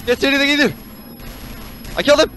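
A young man casually commentating his online gameplay, excitable and joking, often yelping when he gets a kill. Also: extremely high pitch, fast. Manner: excitable, yelps and jokes. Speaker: gamer. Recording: game music behind.

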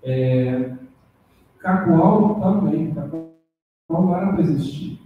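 A man from Rondônia in Brazil giving halting academic feedback in a seminar, full of tag questions and restarts. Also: on the high side, highs cut off, soft background music. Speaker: seminar discussant. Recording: echoey room, distant mic, faint noise.

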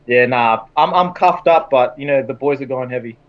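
A man's voice: medium pitch, normal speed. A young man with an Australian accent, chatting casually in a laid-back, slangy way over a video call. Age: young adult. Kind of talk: casual chat. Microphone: headset on a video call. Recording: dull lo-fi video call audio.

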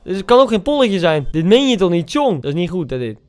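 Young man, YouTube reaction host: clear, slightly high voice, incredulous and teasing, quick exclamations over faint music. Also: very animated. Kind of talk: casual reaction commentary.

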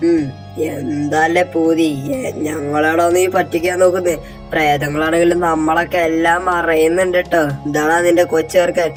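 A man voicing a thief pretending to be a ghost in a game role-play, talking slowly and threateningly. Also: on the high side, flat delivery, faint music behind, natural voice. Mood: menacing. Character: thieves posing as ghosts, menacing then meek.

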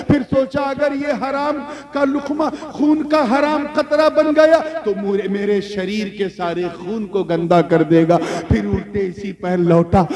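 A male preacher telling a story in an animated sermon, building on repetitive rhetorical chains before a live audience. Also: high-pitched. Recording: crowd laughing in background.

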